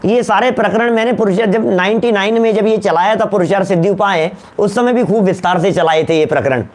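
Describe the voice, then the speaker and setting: A man giving a religious teaching lecture, repeating key terms, slowing down to stress them and asking his listeners questions. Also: sits high. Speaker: Jain scholar giving a discourse.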